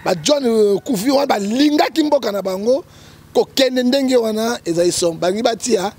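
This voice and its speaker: Male prophet guest, Congolese accent, emphatic commentary; gravelly, husky tone. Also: extremely high pitch, moderate pace, darkish tone. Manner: emphatic, keeps checking with "hein?", quotes scripture. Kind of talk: political commentary in an interview.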